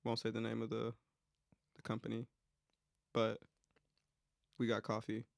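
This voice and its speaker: A man's voice: fairly low pitch, completely flat delivery, a little slow, vocal fry, dry recording, studio quality. A young man hosting a casual interview, easygoing and reflective, laughing often as he asks questions. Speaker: interviewer, host.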